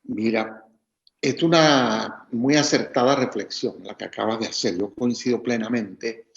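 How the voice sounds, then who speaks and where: Venezuelan guy, ex ambassador, talks really slow, roomy muffled call audio. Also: mid-range voice, creaky. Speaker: former ambassador, interview guest. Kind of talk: political discussion over video call.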